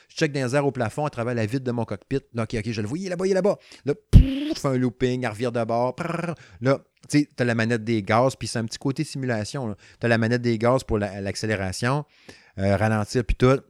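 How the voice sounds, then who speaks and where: A young man with a Quebec French accent chats about a game he is reviewing. He rambles excitedly, with lots of slang and restarts. His voice is recorded very dry and close. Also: mid-range voice, fast, no room sound. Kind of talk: casual gaming chat.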